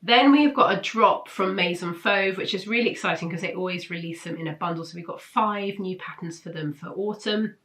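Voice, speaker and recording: She's British, hosting a weekly sewing pattern roundup as a casual, enthusiastic chat to camera, her voice nasal and congested from flu and a blocked nose. Her pitch is on the low side and her tone fairly bright, and she talks fairly quickly with few pauses.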